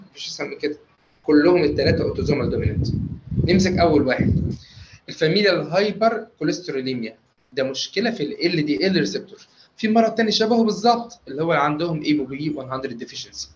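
An Egyptian man with a slightly high voice rattles through a medical lecture at a fast clip. He keeps asking his listeners questions and answering them himself. The recording is dull and lo-fi, with a faint hiss underneath. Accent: Egyptian Arabic.

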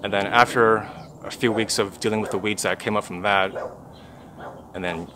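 Low-voiced young man talking farming outdoors. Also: normal speed, background noise. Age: young adult. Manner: relaxed, thinking aloud with many fillers. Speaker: first-year farmer. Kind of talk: casual interview. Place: backyard vegetable garden outdoors.

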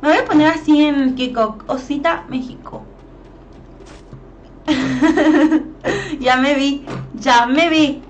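A woman's voice: high voice, slow pace, long pauses, muffled recording, slight background noise. A young woman with a Mexican Spanish accent streaming a game, chatty and playful as she greets viewers by name. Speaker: gaming streamer. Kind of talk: live-stream commentary, greeting chat.

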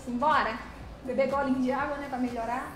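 A woman's voice: sits high, steady tone, a little fast, soft background music. A woman, chatting casually with her viewers as a live streamer while gaming, giggling and unable to stay serious. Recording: roomy echo, loud vehicle game noise.

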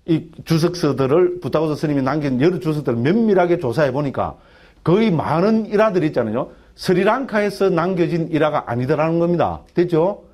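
A man, a Buddhist monk, giving a lively dharma lecture in a Gyeongsang dialect, often asking his listeners for agreement. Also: fairly high pitch. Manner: keeps asking the audience for agreement, animated and colloquial. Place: temple education hall.

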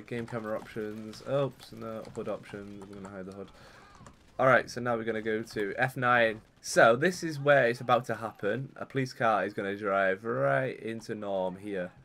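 Chatty young man gaming. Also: lowish voice. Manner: chatty, rambling, excitable when things go wrong. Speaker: gaming YouTuber. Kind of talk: casual gameplay commentary.

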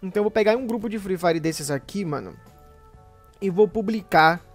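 A man's voice: sits high, moderate pace. A young man with a Bahian Brazilian accent chatting casually and informally with his viewers as a gaming YouTuber. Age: young adult. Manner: informal, slangy, addressing viewers as buddies. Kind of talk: casual gamer vlog chat. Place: small home gaming room. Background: background music.

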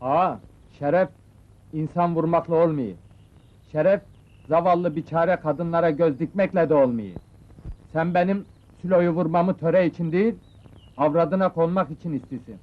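An actor playing a proud, stern village avenger, in a dull old film soundtrack with music behind. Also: male voice, a little high, moderate pace, natural voice. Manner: stern, forceful declarations. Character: proud village avenger turned merciful, man.

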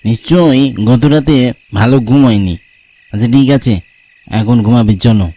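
Young village guy, easygoing and teasing, mellow voice, played by a man for an audio story. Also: medium pitch, measured pace, close to an everyday voice. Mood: friendly.

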